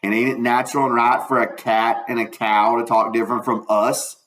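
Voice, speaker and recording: A man's voice: mid-range voice, level tone, a little fast, a bit bright, pitched above the performer's own voice, close to an everyday voice. Man reading as Huck, plainspoken country boy, echoey. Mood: patient persuading. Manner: plain, colloquial, explaining. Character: plainspoken country boy Huck, patient, matter-of-fact explainer. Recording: roomy, echoing room.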